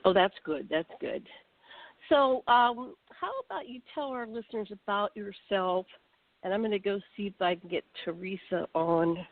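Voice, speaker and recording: A woman's voice: medium pitch, moderate pace, no echo. A woman hosting a radio talk show, chatting in a rambling, easygoing way as she sets up her guest. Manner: chatty, rambling, self-narrating. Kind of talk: casual radio chat. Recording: tinny phone line.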